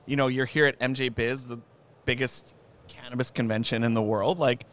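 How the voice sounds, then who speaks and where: A man's voice: medium pitch, steady tone, moderate pace, fairly bright tone, clear, resonant tone. Upbeat male podcast host. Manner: upbeat, chatty, reads bio lists. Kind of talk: podcast intro and interview.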